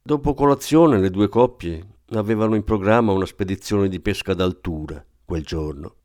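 A man narrating an audiobook in a calm, measured storytelling manner. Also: on the low side, no echo, studio quality. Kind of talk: scripted narration.

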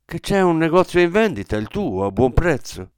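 A man voicing a sharp-tongued, practical middle-aged wife in a dramatic radio reading. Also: fairly high pitch, big pitch swings, moderate pace, clear, resonant tone, no room sound, studio quality, pitched above the performer's own voice. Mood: sharp nagging. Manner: curt and irritated.

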